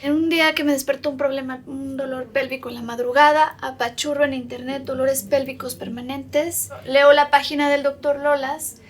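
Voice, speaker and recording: High-voiced Mexican woman, halting testimony. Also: flat delivery, slight background noise. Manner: hesitant, repeats words, long spoken lists. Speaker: patient interviewee. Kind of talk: documentary interview testimony. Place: doctor's consulting room.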